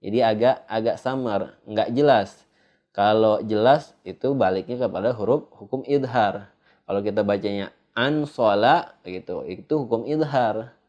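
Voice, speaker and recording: A man from Indonesia teaching a tajwid lesson in a studio, unhurried and pausing on fillers as he explains. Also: on the low side, mellow, dull audio. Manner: unhurried, hesitant with "eh" fillers, sings out drawn-out recited examples. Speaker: Quran recitation teacher. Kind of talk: slow tajwid lesson with recited examples.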